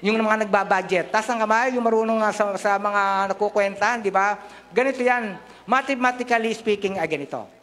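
A man's voice: high-pitched, normal speed, fairly bright tone. A middle-aged man from the Philippines preaching a sermon into a handheld mic in a large church hall, mixing Tagalog and English and joking with the congregation. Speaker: pastor.

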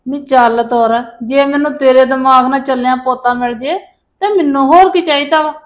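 A woman with a high-pitched voice plays a mother-in-law in a family drama. She pleads and apologises, full of self-pity, asking to be forgiven. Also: normal speed. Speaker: mother-in-law wanting her grandson back. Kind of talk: scripted village family drama.

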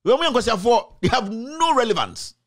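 Ranting Ghanaian man, high voice. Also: sing-song, normal speed. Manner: angry, ranting, mixing English with Twi. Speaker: political talk show host. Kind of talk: heated political commentary. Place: small studio with screen backdrop. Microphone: studio mic on stand.

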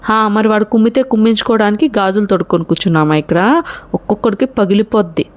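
A woman voicing a hot-headed young college man who talks in a gruff, threatening way. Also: medium pitch, quick pace, natural voice. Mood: angry.

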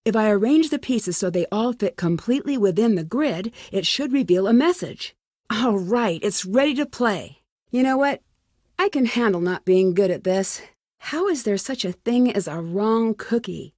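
An American voice actor plays a curious, plucky young amateur detective in a detective adventure game, lightly acted and talking to herself in short, wry lines. Her medium-pitched, slightly mellow voice is animated at a moderate pace, recorded clean in a studio with no echo.

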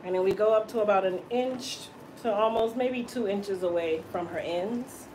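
A woman's voice: mid-range voice, normal speed, noisy background. A woman hair stylist chatting casually as she explains her work in a small salon, laughing at viewer comments. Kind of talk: casual salon tutorial livestream.

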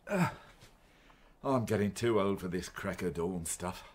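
An English actor playing a weary, grumbling older police inspector in a radio drama. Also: male voice, low voice, lively intonation, unhurried. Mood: weary, wry.

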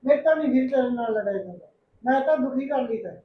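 A woman's voice: high-pitched, animated, fast talker, echoey room, phone-quality sound. A woman acting a young village wife who answers back to her mother-in-law in a short drama. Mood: resentful.

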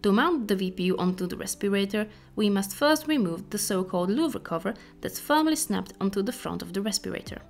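Woman, scripted narration, product review, mid-range pitch, faint background music. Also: animated, fairly quick, vocal fry, hardly any pauses.

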